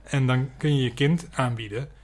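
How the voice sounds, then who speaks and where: A man hosting a comedy podcast, chatting casually and reading out an absurd story in a deadpan way. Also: medium pitch, moderate pace. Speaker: podcast host. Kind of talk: casual comic chat, then story reading.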